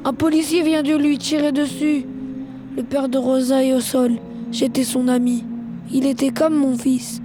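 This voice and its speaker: A woman voicing a grieving older man who stays calm through fear, in a slow first-person dramatic reading. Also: sits high, close to an everyday voice. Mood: somber. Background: background music.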